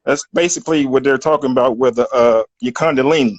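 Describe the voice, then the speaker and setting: A man from Virginia calling in to a live stream, talking in a halting, slangy way. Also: mid-range voice, no room sound, lo-fi sound. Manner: halting, repeats words, slangy. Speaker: caller. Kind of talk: casual call-in chat.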